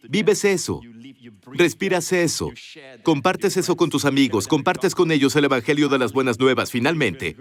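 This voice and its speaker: Man, dubbed sermon, emphatic preaching, rhetorical questions, somewhat high pitch, studio voice-over.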